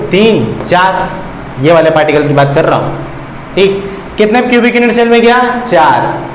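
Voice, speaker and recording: A man teaching a chemistry class, counting aloud and asking then answering his own questions, mixing in English terms. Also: high-pitched. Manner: mixes Hindi with English terms; steps away from the mic to point things out. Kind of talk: online class lecture. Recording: echoey room, faint ambient noise.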